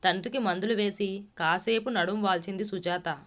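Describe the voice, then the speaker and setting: Woman storyteller, read-aloud narration, steady and expressive. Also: mid-range voice, normal speed.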